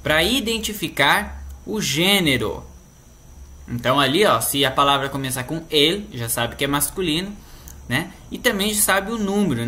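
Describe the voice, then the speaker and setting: A man's voice: fairly high pitch, sharp tone. A man with a Brazilian Portuguese accent patiently explaining a grammar lesson, often checking in with the listener. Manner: patient, explanatory, tags sentences with "né?". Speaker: Spanish teacher.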